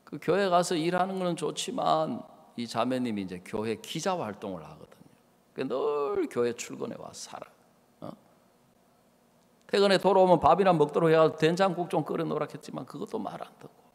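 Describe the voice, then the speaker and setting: A man preaching as a pastor, telling a story with animated delivery and voicing the people in it. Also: a little high, brisk, gravelly. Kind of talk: sermon with acted-out anecdote. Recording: church hall reverb.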